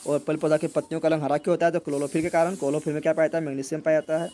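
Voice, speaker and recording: A fairly high-pitched young man runs an exam prep lesson. He keeps asking the class a question and answering it himself, circling back over each point. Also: level tone, very fast, mellow, a little hiss or hum. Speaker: teacher.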